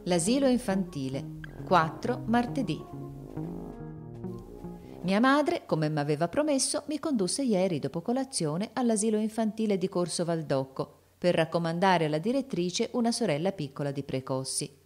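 Woman audiobook narrator, lowish voice, expressive classic-novel reading. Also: normal speed, faint music behind. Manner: expressive reading, voicing the characters' shouts.

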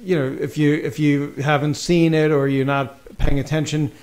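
Flat-voiced board member man. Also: a little high, normal speed, a little hiss or hum. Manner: apologetic, hesitant with fillers. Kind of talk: meeting remarks.

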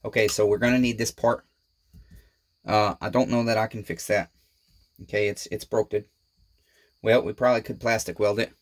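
In his forties, a man hosts a small engine repair vlog from a cluttered home workshop, rambling casually to viewers as if they were neighbors. His voice is on the low side with fairly even intonation and normal speed, and he pauses often and uses frequent fillers in a folksy manner.

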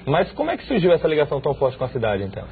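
A man in his thirties interviewing a guest in a TV studio, asking quick, lively questions on a lapel mic. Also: a little high, breathy edge. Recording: tinny lo-fi broadcast audio.

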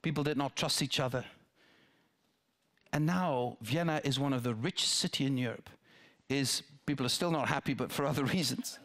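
A man's voice: medium pitch, moderate pace, fairly bright tone. An older man from the Netherlands, a politician answering audience questions on a theatre stage through a headset mic, thoughtful, with restarts and asides. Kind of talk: town-hall dialogue.

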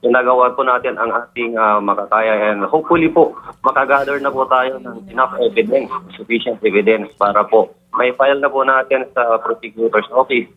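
A man speaking as a police lieutenant, giving formal, measured assurances. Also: mid-range voice, fairly even intonation. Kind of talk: formal phone statement. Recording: tinny phone line.

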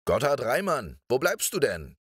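A man voicing a strict schoolteacher who calls loudly to his pupils in an audiobook story. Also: mid-range voice, huge pitch swings, measured pace, husky, dry recording, studio quality, voice pushed up, full character voice. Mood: urgent. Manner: loud calling. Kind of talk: audiobook reading.

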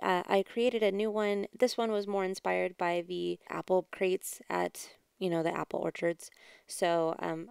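A woman's voice: fairly low pitch, creaky, clear, resonant tone, no room sound, studio quality. A woman hosting a craft channel, chatting through a DIY tutorial in a voice-over recorded at home. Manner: chatty, explaining step by step; quiet, subdued delivery. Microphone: home voice-over mic.

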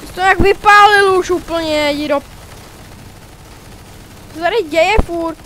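High-voiced excitable male gamer. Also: slight background noise. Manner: excitable, rambling, swears casually. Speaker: gaming video creator. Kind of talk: casual gameplay commentary.

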